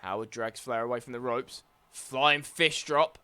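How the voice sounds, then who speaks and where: A man giving excited play-by-play commentary over a wrestling video game, calling each move as it happens with frequent exclamations. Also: medium pitch, unhurried, clean tone.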